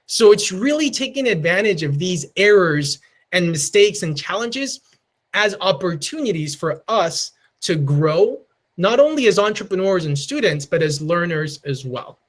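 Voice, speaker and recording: This lightning talk comes from a man in his twenties from Peru whose Peruvian Spanish accent colors his earnest, motivational storytelling, which is sprinkled with Spanish phrases. He sounds very animated and high-pitched, yet keeps a measured pace.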